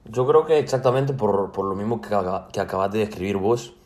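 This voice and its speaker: Young Salvadoran man, hesitant and low. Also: brisk, darkish tone. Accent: Salvadoran Spanish. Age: 20s. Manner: hesitant, many fillers and restarts. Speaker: student guest. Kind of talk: casual interview answers.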